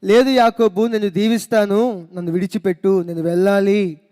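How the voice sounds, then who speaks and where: A man's voice: high voice, steady tone, moderate pace, warm tone, smooth, close to an everyday voice. A man voicing a divine being who firmly repeats that he must leave, in an echoey hall. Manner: firm, repeats his demand. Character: divine male voice, urging to be released.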